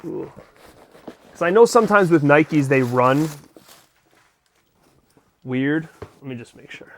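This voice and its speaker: A middle-aged man hosting a casual unboxing vlog, chatty and excitable, swearing now and then. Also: on the high side, takes it slowly. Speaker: collector vlogger and host.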